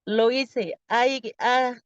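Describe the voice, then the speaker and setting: Woman, interviewee, unhurried, halting and heartfelt; dry, muffled lo-fi recording. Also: on the high side, fairly even intonation, clean tone, no room sound. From Peru. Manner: earnest, halting, emotional storytelling. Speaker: interviewee, former community mayor. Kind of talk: personal testimony in conversation. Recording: slightly dull, dry lo-fi recording.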